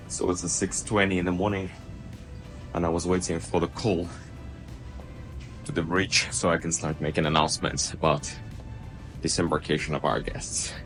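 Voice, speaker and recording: A man's voice: sits low, little pitch movement, normal speed, pauses often, a bit bright, soft background music, poor audio. A man chatting casually as he vlogs his working day as an assistant cruise director. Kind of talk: casual vlog chat.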